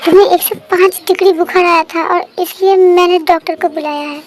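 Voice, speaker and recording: Frantic pleading young man, read by a woman, very high voice, storybook reading. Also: steady tone, brisk. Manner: pleading, repeats the name over and over. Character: frantic young man nursing his feverish partner.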